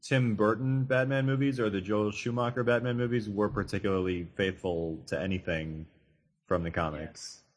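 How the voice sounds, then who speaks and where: Low, husky man chatting. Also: steady tone, normal speed. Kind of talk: casual chat.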